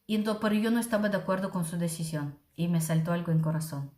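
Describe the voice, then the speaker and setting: A woman's voice: lowish voice, fast talker, a little mellow, echoey room. A middle-aged woman, a missionary preacher, sharing a heartfelt personal testimony with her congregation. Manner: earnest, heartfelt, addresses listeners as brothers and sisters.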